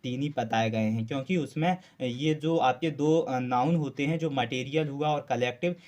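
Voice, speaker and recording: A man's voice: medium pitch, normal speed, darkish tone. A male Hindi grammar teacher giving a classroom lecture for exam students, asking questions and answering them himself, repeating key terms, with frequent "uh" fillers.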